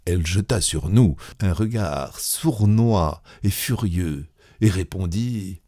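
A man narrates a literary tale in a low voice. He reads slowly, with a grave and measured delivery. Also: expressive, warm tone. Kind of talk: literary audiobook reading.

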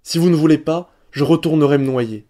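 A little boy without a father, crying and pleading in a high, strained voice, voiced by a man reading the story aloud. He speaks up loudly through his tears. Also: brisk, natural voice. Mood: desperate.

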